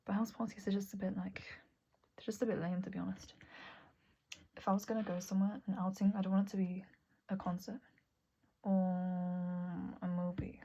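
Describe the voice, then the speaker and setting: A young woman talking candidly to camera at her desk, soft and halting, often dropping to a whisper. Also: medium pitch, flat delivery, creaky, breathy edge, muffled recording. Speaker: vlogger. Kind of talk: candid personal talk to camera. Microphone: earbud mic.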